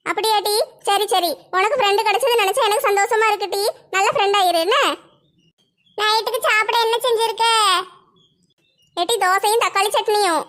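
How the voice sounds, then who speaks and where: Cartoon mother played by a voice actor, stern, scolding, name-calling, very high voice, bright and piercing. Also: fairly even intonation, fairly quick, long pauses. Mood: motherly. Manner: scolds sharply, calls her daughters names. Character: stern scolding village mother of two girls. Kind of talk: comic cartoon voice acting.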